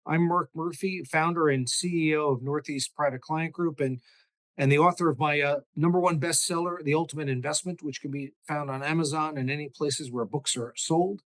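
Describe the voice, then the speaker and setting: A man's voice: on the high side, steady tone, normal speed, fairly bright tone, no room sound. A man hosting a podcast interview, rambling and casual, with many restarts. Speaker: podcast host.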